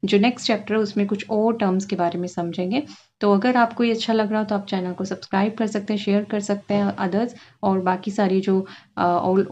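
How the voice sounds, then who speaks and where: A woman's voice: medium pitch, a little mellow, dull audio. A woman teaching exam-prep lessons, explaining terms and past questions and often checking in with "ठीक है?" as she goes. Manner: frequent checking "ठीक है?", drawn-out reading of English questions.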